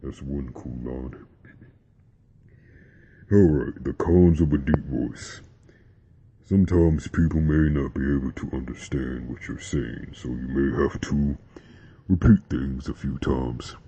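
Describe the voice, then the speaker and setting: A young male vlogger with a bass voice chats to his viewers about deep voices, relaxed and rambling with fillers and slang. He takes it slowly, pausing often, with a breathy edge. The lo-fi recording sounds dull.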